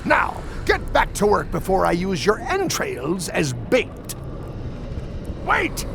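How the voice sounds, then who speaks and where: A man voicing a menacing, grandiose undead pirate captain in a video game, gravelly and commanding, speaking in pirate dialect. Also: sits high, huge pitch swings, slow pace, noisy background, exaggerated voice.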